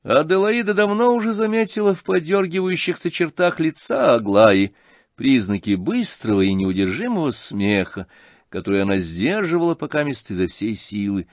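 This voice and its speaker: Lively male audiobook narrator. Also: fairly high pitch, moderate pace, no echo. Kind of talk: scripted narration.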